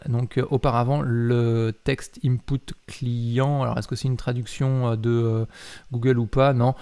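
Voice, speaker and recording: A man, a mobile app developer, talking casually about a software update, hesitant with many filler sounds and self-corrections as he reads and comments. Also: mid-range voice. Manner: reads aloud while commenting. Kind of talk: casual explanatory talk.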